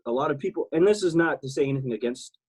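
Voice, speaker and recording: A man's voice: on the high side, animated, very fast, a little mellow, husky, low-quality recording. A man from South Texas talking casually as a podcast guest, candid and rambling, swearing freely. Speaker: guest, military veteran.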